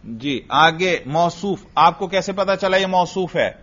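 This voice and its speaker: A man's voice: high voice, lively intonation, a bit bright. A man teaching an Arabic grammar lesson, firing questions at his students and answering them himself. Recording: dull lo-fi recording.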